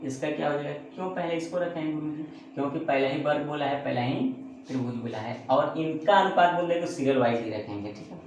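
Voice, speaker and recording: A man's voice: on the high side, fast talker, dull audio, a little hiss or hum. A man teaching a math lesson who asks and answers his own questions, with chatty, joking asides. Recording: very echoey room.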